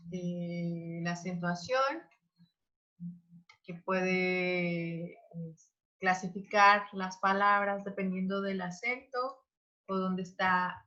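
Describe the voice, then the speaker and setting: A woman teaching a class over a video call, her voice a little low and her pace very slow. She stops often with fillers as she explains. The sound is dull and lo-fi. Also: pushed and bright. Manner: slow, hesitant with many fillers. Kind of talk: online class lecture.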